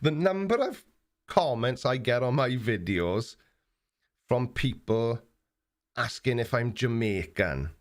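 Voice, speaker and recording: This is a forties-aged Australian man running a live stream, chatting easily as he responds to comments from viewers. His mid-range voice moves slowly, with long pauses, and his relaxed, plain talk is dotted with ums.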